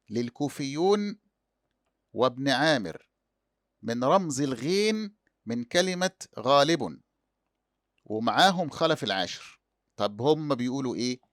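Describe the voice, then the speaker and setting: A man's voice: a little high, fairly bright tone, no echo, clean studio sound. A man with an Egyptian accent teaching a lesson, asking and answering his own questions. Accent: Egyptian Arabic. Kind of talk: explanatory lesson.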